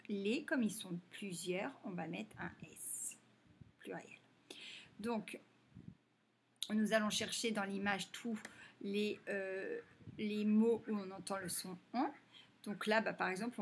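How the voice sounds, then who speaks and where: A woman teaching a reading lesson to young children, slowly stretching and stressing each example word. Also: medium pitch, a bit bright, slight background noise. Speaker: primary school teacher.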